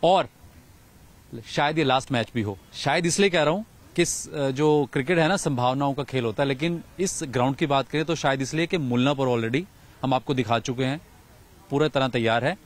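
In a mid-range voice at normal speed, a man does on-location news reporting and interviewing as a sports journalist. He holds a microphone outdoors inside a large, empty cricket stadium.

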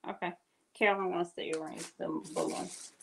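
Brief: woman, gravelly voice with a lively swooping pitch, laughs and prompts her co-host off-mic, noisy background. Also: normal speed. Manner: laughs a lot, prompts and teases the presenter. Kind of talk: casual live sales chat.

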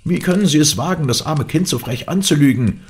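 A man's voice: mid-range voice, big pitch swings, brisk, a little hiss or hum, pitched above the performer's own voice. A man reading an audiobook aloud, voicing a stern older housekeeper who scolds sharply. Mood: indignant.

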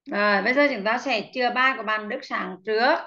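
A woman with a fairly high, pushed and bright voice teaches English online, calling on students by name and patiently drilling the pronunciation of vocabulary. Each word gets slowly repeated, and the video call audio comes across slightly muffled.

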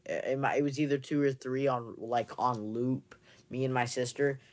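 A young film-collecting vlogger sits facing his camera mic at home, surrounded by shelves of movies, chatting through a casual haul video full of fillers and tangents. His mid-range voice holds a steady tone at normal speed.

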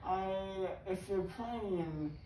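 A young man, loopy and rambling after wisdom teeth removal, chatting excitably and repeating himself while playing a video game. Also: sits high, extremely slow. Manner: excitable, repetitive, protesting. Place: carpeted game room at home. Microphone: phone camera across the room. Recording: echoey, noisy room, far from mic.

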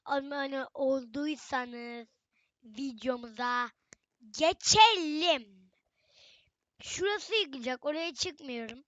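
A woman's voice: high voice, a little slow, long pauses, bright, forceful tone, dry recording. A young woman giving casual, chatty gameplay commentary, often exclaiming and talking straight to her viewers. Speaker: gaming channel host.

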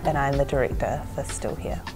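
A woman's voice: a bass voice, steady tone, brisk. A young woman from New Zealand, a documentary director, talking thoughtfully in a casual interview. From New Zealand, Fijian and Tongan heritage. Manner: reflective, thoughtful, frequent "like". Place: gallery, seated indoors. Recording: music bed underneath.

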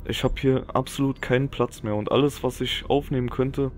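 A man's voice: mid-range voice, level tone, moderate pace, a little hiss or hum. A man giving casual gameplay commentary as a let's player. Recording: game music and effects behind. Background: video game music and action sounds.

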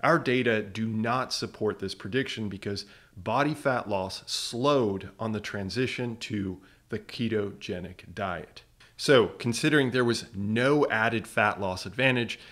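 Low-voiced man explaining studies. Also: fairly bright tone. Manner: emphatic, rhetorical questions. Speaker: science educator. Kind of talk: scripted explainer narration.

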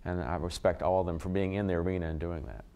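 A man's voice: low voice, fairly even intonation, fast talker, dark tone, clear, resonant tone. A man, a library director, speaking earnestly on a panel, with frequent restarts. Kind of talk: panel discussion.

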